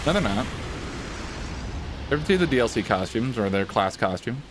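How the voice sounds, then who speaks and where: A man's voice: medium pitch, sing-song, moderate pace, background noise. A man streaming a video game with friends, joking sarcastically and swearing freely. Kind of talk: casual game-stream banter.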